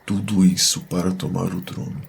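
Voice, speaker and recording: A man as a grave, low-voiced young exiled prince. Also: little pitch movement, normal speed, vocal fry, slight background noise. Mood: bitter, vengeful. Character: grave young bastard prince seeking revenge. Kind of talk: fantasy audio drama acting.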